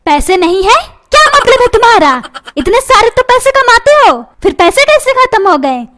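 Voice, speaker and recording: A woman uses a very high, sing-song, somewhat bright full character voice at normal speed to play a nagging, quarrelsome cartoon mother who complains to her husband and dotes on her son. Demanding and repeating her questions, she performs comedy voice acting over background music with slight background noise.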